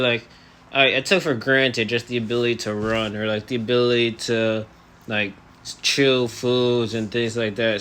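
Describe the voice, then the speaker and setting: A man's voice: medium pitch, bright, forceful tone, clear, resonant tone. Young man with slightly restricted articulation. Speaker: vlogger. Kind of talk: personal vlog monologue to camera.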